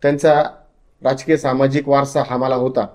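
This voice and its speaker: A man's voice: mid-range voice, little pitch movement, normal speed, a little mellow, echoey room. A young man from Maharashtra, a party worker, answering interview questions earnestly, with hesitant restarts.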